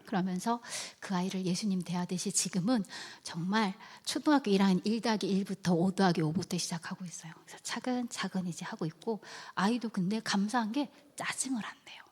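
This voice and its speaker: A woman giving a personal testimony at a worship service, telling her story lively, acting out what people said and dropping into hushed asides. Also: mid-range voice, fairly quick, hardly any pauses, husky. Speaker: church member giving a testimony. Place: church sanctuary. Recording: long reverb of a church hall.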